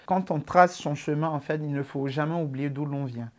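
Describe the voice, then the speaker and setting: Speaking at a normal pace in a fairly high voice, a man in his twenties from Ivory Coast talks through interview questions on his comedy. His Ivorian accent comes through, and his easygoing answers are peppered with fillers.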